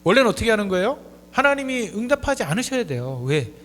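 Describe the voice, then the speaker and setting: A man in his forties preaching a sermon as pastor, swinging from soft, low asides to loud, high, emphatic appeals. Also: big pitch swings, fast talker. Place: church sanctuary. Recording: hall reverb with faint mains hum.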